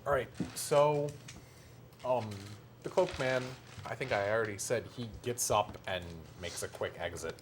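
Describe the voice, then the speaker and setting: A man's voice: medium pitch, lively intonation, measured pace, background noise. A man narrating as game master of a tabletop game, casual and often laughing.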